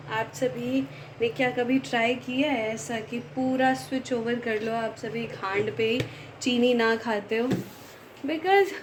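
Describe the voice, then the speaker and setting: A young woman with a fairly high voice runs a casual home vlog. She chats straight to her viewers as she cooks and sometimes drops to a soft voice. A faint household hum sits behind her. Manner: chatty, talks to viewers directly; speaks softly at times to keep the house quiet. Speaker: vlogger.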